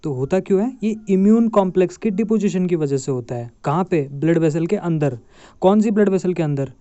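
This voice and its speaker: A young man teaches a medical lesson, posing questions and answering them himself. His voice sits a little high yet sounds mellow. The recording is dry and dull. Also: animated, brisk, dry recording. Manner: asks questions then answers them, addresses viewers as guys. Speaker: medical lecturer.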